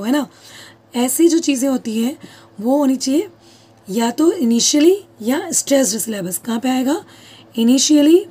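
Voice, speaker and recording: Woman teacher, high but mellow voice, repetitive question-and-answer delivery. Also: breathy edge. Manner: asks questions and answers them herself, repeats key terms. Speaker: English teacher. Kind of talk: classroom-style lesson.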